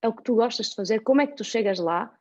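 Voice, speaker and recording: A woman's voice: a little high, expressive, quick pace, a little mellow, dull audio. A woman with a European Portuguese accent, a guest in a casual chat, talking animatedly with lots of examples. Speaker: podcast guest.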